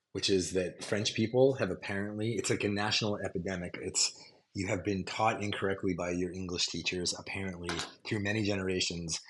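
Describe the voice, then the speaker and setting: Casting note: low-voiced man, casual explainer, emphatic. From United States. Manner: emphatic, repeats "okay?" to check in. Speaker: English teacher content creator. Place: home in France.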